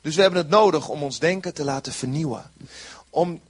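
A man's voice: a little high, a little fast, husky. A man preaching a sermon in an earnest way, repeating short phrases for emphasis.

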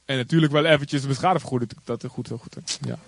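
A man who is a pastor, telling a story in a calm, earnest way and acting out the voices of the people he quotes. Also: mid-range voice, fairly quick, vocal fry. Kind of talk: sermon-style storytelling.

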